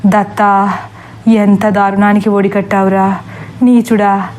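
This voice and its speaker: A woman's voice: mid-range voice, flat delivery, takes it slowly, darkish tone, a little hiss or hum, close to an everyday voice. A woman voicing a worried middle-aged father who turns furious at his son, in a storybook reading.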